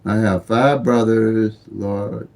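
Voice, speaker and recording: A man's voice: fairly low pitch, fairly even intonation, slow pace, vocal fry, darkish tone. A man in his seventies, from St. Louis, hosting a casual lottery livestream in a rambling, plain-spoken way that keeps repeating and restarting words. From St. Louis, USA. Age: 70s.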